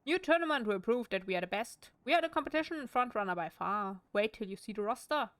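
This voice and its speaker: A woman's voice: fairly high pitch, animated, fast, fairly bright tone, no echo. A woman with a German accent streaming a game at home, reading in-game text aloud with wry, chatty asides.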